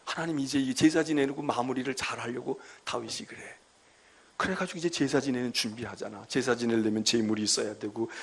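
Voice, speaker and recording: Male pastor, middle-aged, gravelly and a bit husky, very animated storytelling sermon. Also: medium pitch. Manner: lively storytelling, acting out quoted prayers. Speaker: senior pastor. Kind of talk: midweek Bible lecture sermon.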